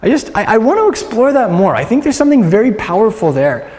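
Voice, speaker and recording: A man's voice: high voice, big pitch swings, fast, darkish tone, big-room sound. A man giving a casual, interactive Bible teaching to a group in a room. He talks in a chatty, upbeat way with lots of fillers and has the room repeat words after him.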